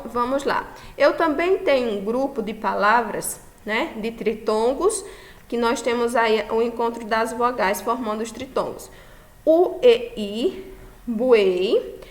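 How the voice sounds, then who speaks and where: A Brazilian woman with a Brazilian Portuguese accent teaches a Spanish class, her first language Portuguese. Her voice sits a little high, and she speaks slowly and deliberately, spelling things out and checking in with her students. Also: fairly bright tone. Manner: slow, explanatory, checks in with "tá certo?". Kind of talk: recorded class lesson.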